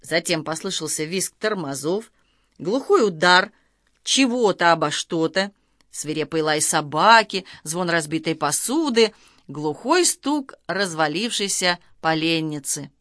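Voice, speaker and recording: A woman narrating a children's story aloud, reading in a lively, expressive way. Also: lowish voice, a little slow, no echo, studio quality.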